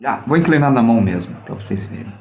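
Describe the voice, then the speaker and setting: Speaking quickly in an animated, mid-range voice, a man teaches reflection drawing in a live online lesson. He demonstrates with a mirror, breaks the process into steps, and keeps things playful by joking with viewers.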